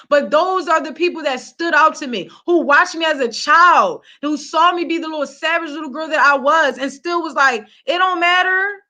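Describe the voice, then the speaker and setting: A woman's voice: very high-pitched, pushed and bright. A young woman with a Philadelphia accent, ranting bluntly to camera in street slang and swearing freely. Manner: reads viewer comments aloud. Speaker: podcast host and vlogger. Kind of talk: casual rant to camera.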